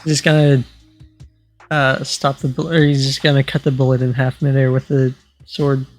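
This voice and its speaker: A young man co-hosting a casual podcast chat, measured and matter-of-fact, pausing often with ums. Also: mid-range voice, level tone, faint music behind, low-quality recording. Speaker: podcast co-host.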